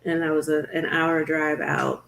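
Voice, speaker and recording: A woman's voice: sits low, completely flat delivery, creaky, a bit bright, echoey room, a little hiss or hum. A woman talk show host telling the story of her own illness in an earnest, conversational way. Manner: earnest, storytelling, slows down at hard moments.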